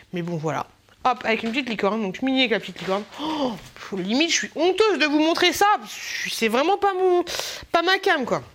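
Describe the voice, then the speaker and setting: A woman's voice: on the high side, fairly bright tone. A young woman chatting casually as she shows a clothing haul. She rambles, laughs often and turns aside to talk to her baby. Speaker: mom vlogger showing a clothing haul.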